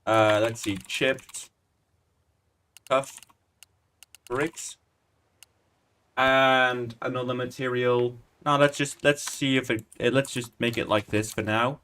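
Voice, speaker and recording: Speaking slowly with frequent pauses, a man in his 20s keeps a medium pitch, fairly even intonation, and a fairly bright tone. He's casually commenting on his Minecraft stream, rambling and self-deprecating, muttering as he types commands.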